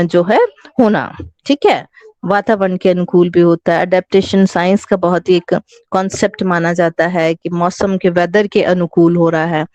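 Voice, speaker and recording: A woman's medium-pitched, slightly mellow voice comes through an online class microphone with no echo. Speaking with an Indian accent, she gives children an English lesson online, slowly and patiently blending Hindi and English, spelling words out letter by letter, and addressing them as "beta".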